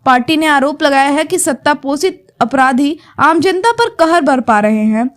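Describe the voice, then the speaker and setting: A woman narrating a news report in a steady, formal reading voice. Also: high voice, moderate pace. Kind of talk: scripted news voice-over.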